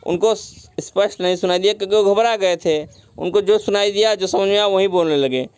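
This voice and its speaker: A man's voice: high voice, a little fast, clean tone, dry recording. A man teaching a story lesson, retelling each line and glossing words with simple synonyms, mixing in English words. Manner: mixes English words into the explanation.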